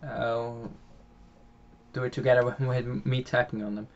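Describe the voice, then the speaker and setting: A man's voice: mid-range voice, level tone, unhurried, gravelly, muffled recording. A young man with a Dutch accent giving casual, rambling gameplay commentary at home, full of fillers and restarts. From Netherlands. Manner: rambling, many fillers and restarts, chuckles often. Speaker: gaming channel host. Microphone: home microphone.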